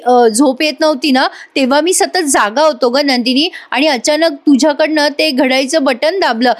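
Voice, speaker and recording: A woman's voice: high voice, lightly acted. A woman reading the lines of an anxious, apologetic young husband in a voice-over retelling of a soap episode.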